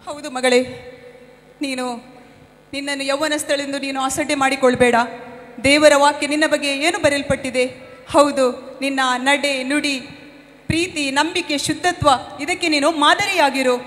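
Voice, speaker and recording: A woman's voice: high-pitched, steady tone, normal speed, long pauses, a bit bright. A woman playing a devout mother in a church stage skit, wailing and lamenting, then preaching to her daughter. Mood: admonishing. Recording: echoey hall, stage mic.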